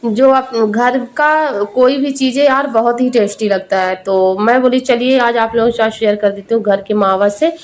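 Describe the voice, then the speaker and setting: A woman's voice: a little high, steady tone, moderate pace, few pauses. A young adult woman chatting through a homemade cooking vlog, talking straight to her viewers. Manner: chatty and homely, addressing viewers directly. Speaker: cooking vlogger. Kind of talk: casual cooking vlog narration.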